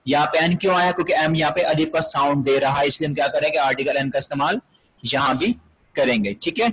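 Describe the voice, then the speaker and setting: A man's voice: on the high side, quick pace, a bit bright, breathy edge, low-quality recording. A man teaching an English grammar lesson, explaining step by step, repeating key words and asking rhetorical questions. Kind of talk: classroom grammar lecture.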